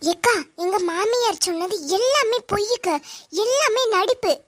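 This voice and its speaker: A woman's voice: extremely high pitch, animated, normal speed, no echo. A woman with a Thoothukudi accent voicing a spiteful, sly young sister-in-law in a cartoon. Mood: whining. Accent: Thoothukudi Tamil. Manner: whiny, plotting. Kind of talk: cartoon voice acting.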